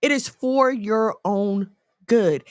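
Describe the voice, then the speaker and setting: A woman in her forties giving casual, animated faith talk in a conversational, folksy way. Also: on the high side, takes it slowly, no room sound, studio quality. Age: 40s.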